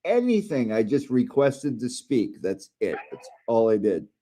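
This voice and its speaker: A man's voice: medium pitch, very animated, a little slow, mellow. A man hosting a live stream, talking casually with lots of fillers and swearing. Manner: rambling, profane, many fillers. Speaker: streamer host reacting to a live audio room.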